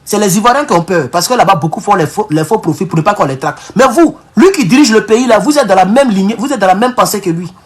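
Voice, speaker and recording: A man's voice: high-pitched, expressive, fast, hardly any pauses, slightly rough. A man with an African French accent hosting a live-streamed political talk. He speaks fervently and emphatically, repeats phrases and restarts words, and keeps addressing his viewers as comrades. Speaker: political livestream host.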